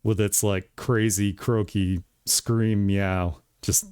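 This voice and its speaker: A man's voice: fairly low pitch, steady tone, takes it slowly, a little mellow, smooth, no room sound, clean studio sound. A man streaming his digital art and chatting casually, laid-back and rambling, with lots of laughter and filler words. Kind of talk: casual chat while drawing on stream. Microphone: desk mic with webcam.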